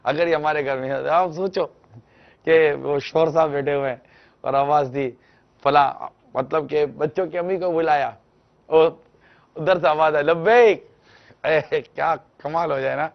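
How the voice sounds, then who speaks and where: A man answering a caller's question on a religious talk show, explaining gently and instructively and acting out small household exchanges. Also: on the high side, steady tone, dull audio. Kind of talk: televised religious advice talk.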